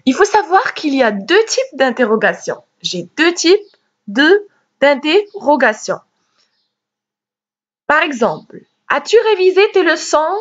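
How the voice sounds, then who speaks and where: A woman teacher giving a grammar lesson, explaining slowly and carefully and acting out questions with rising intonation. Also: sits high, big pitch swings. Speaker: French teacher. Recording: dull, lo-fi recording.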